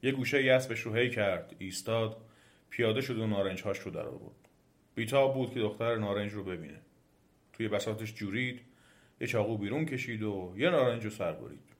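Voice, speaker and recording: A man narrating a folk tale for a storytelling podcast, measured and expressive. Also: fairly low pitch.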